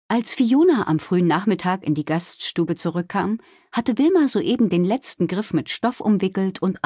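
A woman narrating a children's story in a lively, expressive storytelling voice. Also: mid-range voice, slightly rough, no room sound, studio quality. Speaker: audiobook reader.

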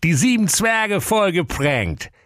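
Brief: boastful cheeky little hero, bright high voice, dry sound, put on by a man. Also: very animated, slow, dry recording, heavily acted. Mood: cocky. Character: cocky naive male web designer hero. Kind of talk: comic fairy-tale reading.

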